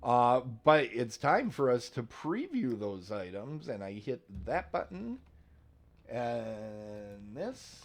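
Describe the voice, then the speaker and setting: Co-hosting a movie podcast, a man trades playful, joking banter with his partner in a casual chat. His mid-range voice is sing-song and slow.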